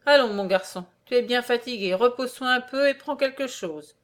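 A woman's voice: a little high, moderate pace, pitched above the performer's own voice, lightly acted. A woman reading aloud, voicing a kindly, fussy old man on crutches who talks in a fatherly, exclaiming way.

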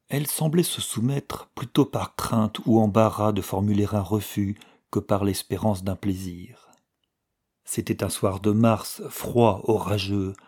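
Gravelly low-voiced male narrator. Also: mellow. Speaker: audiobook narrator. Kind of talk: scripted narration.

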